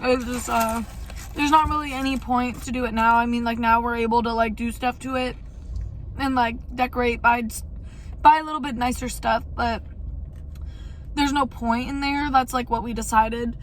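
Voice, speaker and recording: A woman's voice: a little high, fairly even intonation, moderate pace, a little hiss or hum. A young woman talking casually and candidly in a rambling life-update vlog, with some mild swearing. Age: young adult. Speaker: vlogger.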